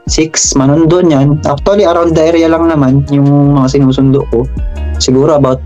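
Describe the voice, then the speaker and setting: A man's voice: on the high side, level tone, normal speed, dark tone. Polite man with muffled audio. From Philippines. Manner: polite, keeps saying sir. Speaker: interview guest, welder. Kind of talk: casual interview chat. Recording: muffled audio with faint music.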